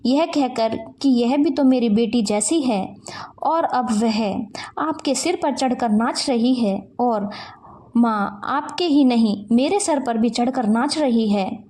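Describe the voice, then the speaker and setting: A woman's voice: a little high, takes it slowly, dark tone. A woman voicing an angry young husband who scolds his lazy wife in a storybook tale. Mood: scolding. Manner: scolding, insistent.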